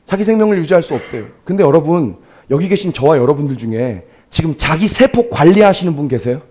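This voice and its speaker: High, lively-voiced Korean pastor. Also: male voice, fast talker. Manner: swings from soft storytelling to loud emphatic exclamations; addresses congregation directly, asks rhetorical questions. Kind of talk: sermon.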